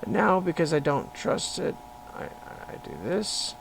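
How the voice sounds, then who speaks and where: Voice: medium pitch, lively intonation, slow pace, vocal fry. A podcaster thinking aloud while editing a story, muttering and correcting words as they go. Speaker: podcaster and writer. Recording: noisy room with constant hum.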